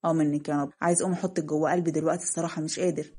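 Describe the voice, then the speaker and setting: A woman voicing a jealous, smitten young man with an Egyptian Arabic accent, pitched low and yearning. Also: steady tone, very fast, mellow, slightly rough. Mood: longing.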